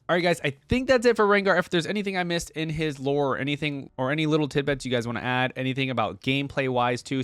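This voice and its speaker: A man with a mid-range voice addresses his viewers casually as a reaction host, giving rambling, unscripted commentary. His conversational talk leans on "like" and "right?", and there's no echo.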